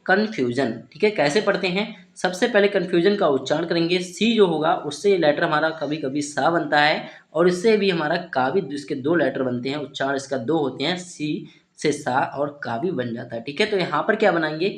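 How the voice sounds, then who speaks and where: A man's voice: a little high, normal speed. A man teaching beginners to spell and pronounce English words letter by letter, often asking a question and answering it himself. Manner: repeats ठीक है, asks and answers himself. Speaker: English tutor. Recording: roomy echo.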